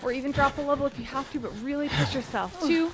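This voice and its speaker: A woman's voice: high voice, fast. A young adult woman coaching a workout as an encouraging aerobics instructor, counting down and cheering people on outdoors. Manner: encouraging, motivational. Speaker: fitness instructor. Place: outdoor covered wooden deck by a pond. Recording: music behind the voice. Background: workout music.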